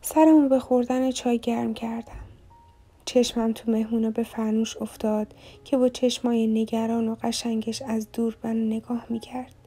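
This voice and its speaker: A woman reading a novel aloud as an audiobook narrator, in a soft, even storytelling manner. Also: a little high.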